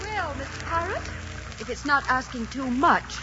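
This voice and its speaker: An actress playing a haughty young general's daughter taken captive by pirates, in an old radio drama. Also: female voice, sits high, sing-song, normal speed, music in the background. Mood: defiant. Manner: haughty, indignant. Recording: noisy, dull old radio recording.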